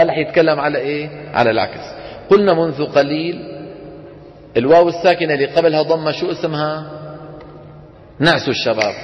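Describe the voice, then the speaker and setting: A man with a Levantine Arabic accent teaching a class, often stopping to quiz his students. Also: fairly high pitch. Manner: quizzes students with frequent questions. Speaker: Quran recitation teacher. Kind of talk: classroom lesson. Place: lecture room with students. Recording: dull lo-fi recording in a reverberant hall.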